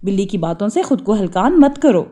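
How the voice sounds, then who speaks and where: A woman doing a blunt gruff donkey. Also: medium pitch, sing-song, mellow, lightly acted. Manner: blunt, scolding.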